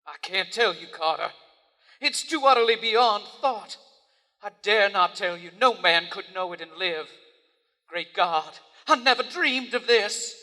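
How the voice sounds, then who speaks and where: Man acting a high-pitched, terrified doomed explorer. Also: animated, measured pace, sharp tone, heavily acted. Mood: horrified awe. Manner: urgent, horrified, pleading. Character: doomed, terrified male explorer urging his friend to flee. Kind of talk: live old-time radio horror acting. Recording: reverberant theater hall.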